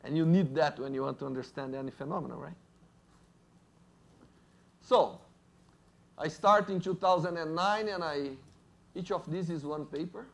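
A man with a Brazilian Portuguese accent, a native Portuguese speaker, giving a lively university physics lecture and joking with the audience. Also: a little high, moderate pace, gravelly, long pauses. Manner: lively, jokes with audience, asks "right?".

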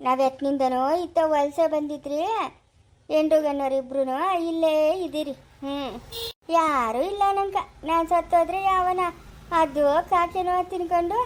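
A woman's voice: high-pitched, natural voice. A woman playing a lonely, widowed old grandmother who lives in a forest hut. She talks tenderly and coaxingly, soothing the same words over and over. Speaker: actor in family short drama. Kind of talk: amateur family drama acting.

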